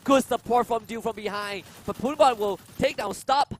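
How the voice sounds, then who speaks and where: A man's voice: extremely high pitch, moderate pace, a little hiss or hum. A man co-casting an esports match, explaining and reacting to the plays in live analysis.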